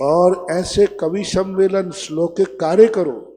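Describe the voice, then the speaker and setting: A man delivering a sermon at an unhurried, deliberate pace, leaning hard on his key phrases and teasing the crowd now and then. His voice sits a little high yet sounds dark and mellow. It rings out with a long reverb, as if carried over a PA at a big outdoor gathering. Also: steady tone. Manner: slow, emphatic preaching with playful teasing of the audience. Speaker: Jain monk preacher.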